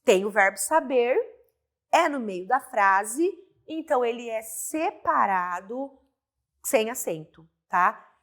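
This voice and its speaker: A woman's voice: fairly high pitch, lively intonation, takes it slowly, fairly bright tone. A woman teaching a grammar lesson, explaining step by step and checking in with her students. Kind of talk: recorded online grammar lesson.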